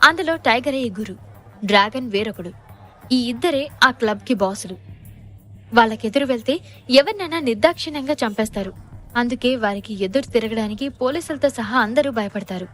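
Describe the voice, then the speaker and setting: A woman's voice: fairly high pitch, animated, normal speed, soft background music. A woman narrator telling a dramatic audio story in scripted, storytelling delivery.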